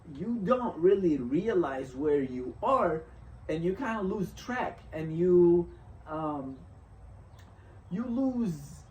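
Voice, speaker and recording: A young man from Syria talking through a reflective motivational vlog, halting and restarting often as he thinks aloud. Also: sits high, expressive, darkish tone, far from the mic, a little hiss or hum. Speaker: vlogger. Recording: roomy echo, off-mic, faint ambience.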